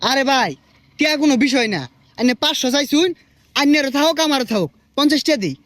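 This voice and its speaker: An actor playing a frustrated motorist begging for petrol. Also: male voice, very high-pitched, expressive, quick pace, fairly bright tone, no room sound. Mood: haggling. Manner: pleading, exasperated. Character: exasperated man desperate for fuel. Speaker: stranded motorist in a comedy skit. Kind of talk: comic sketch acting.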